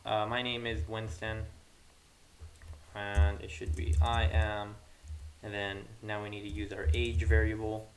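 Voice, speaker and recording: Here the programming tutorial host, a young man, sounds lowish, flat and creaky, talking unhurriedly as he informally reasons through his work. His mic is hissy, and keyboard typing clatters behind him.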